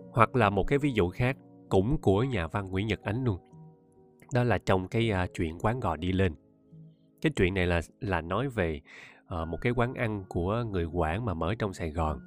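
A man with a Southern Vietnamese accent, an audiobook narrator talking casually to his listeners, often laughing and addressing them directly. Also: lowish voice. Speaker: audiobook narrator and podcast host.

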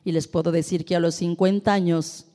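A middle-aged woman with a Mexican accent gives an expressive motivational talk to a live audience, acting out the people in her stories. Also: fairly low pitch, a little fast. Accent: Mexican Spanish. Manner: expressive storyteller who acts out dialogue. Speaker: presenter and speaker. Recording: long hall reverb.

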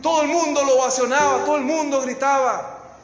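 A man with a Latin American Spanish accent preaching a sermon, telling a story dramatically and swinging from hushed tones to shouts. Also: extremely high pitch, fairly even intonation, a little fast, roomy sound, long reverb tail, slight background noise, rough recording.

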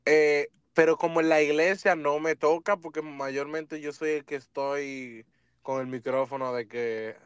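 A man who photographs at church, telling lively stories in a casual podcast chat and imitating camera clicks. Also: on the high side, a little slow, smooth, no echo, clean studio sound.

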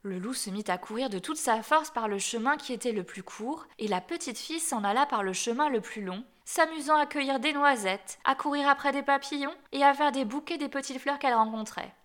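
A woman reading a classic fairy tale aloud in an expressive, measured storytelling manner. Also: sits high.

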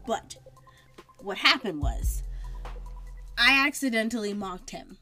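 A woman co-hosting a casual chat with her best friend, animated and quick to laugh, often repeating words as she gets going. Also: medium pitch, faint music behind. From United States. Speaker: podcast co-host.

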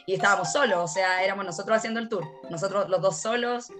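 A Chilean woman with a Chilean Spanish accent appears as an interview guest, telling her story casually with lots of fillers and laughter. She talks fast in a mid-range voice, with music playing underneath.

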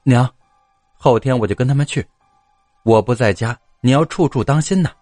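A man's voice: medium pitch, normal speed, a little mellow, faint music behind, lightly acted. A man voicing an honest, simple young man in his twenties who talks in a plain, earnest way.

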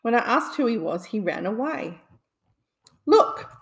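Woman reading a gentle bedtime story. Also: on the high side, expressive, moderate pace. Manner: gentle, soothing.

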